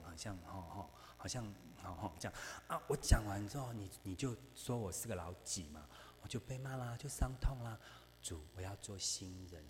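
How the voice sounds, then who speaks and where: Male preacher, lively storytelling sermon, swooping pitch, long echo, faint hum behind. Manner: animated storytelling, acting out both sides of dialogue.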